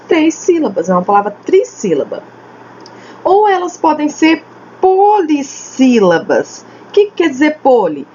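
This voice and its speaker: Woman, teacher, slow drawn-out emphasis, faint background hiss. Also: on the high side, a little mellow. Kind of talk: remote lesson for children. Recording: slightly dull home recording with faint noise.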